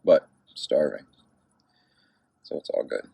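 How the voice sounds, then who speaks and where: A man's voice: rumbling low, animated, a little slow, creaky, warm tone, husky, dry recording. A tired, sore man in his forties, rambling in a laid-back, self-deprecating way as he records a casual outdoor video diary. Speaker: vlogger and amateur cyclocross racer.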